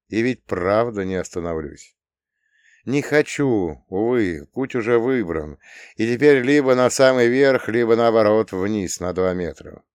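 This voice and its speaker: Male audiobook reader with a low voice, dry and close, telling the story wryly in the first person. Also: a little mellow, no echo.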